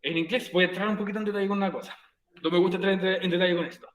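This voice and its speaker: A man's voice: high-pitched, fairly even intonation, racing, reverberant, low-quality recording. A man Chilean teacher explaining patiently. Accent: Chilean Spanish. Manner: patient, repeats words and questions to students. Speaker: English teacher. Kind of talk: recorded virtual class, explaining grammar in Spanish.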